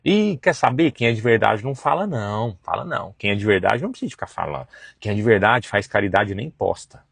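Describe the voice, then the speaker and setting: A man's voice: lowish voice, animated, fast talker, vocal fry, fairly bright tone, breathy edge, no echo. A man, hosting a faith and business live stream and preaching emphatically with slangy asides. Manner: emphatic, acts out gossiping voices with slangy asides. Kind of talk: preachy motivational talk.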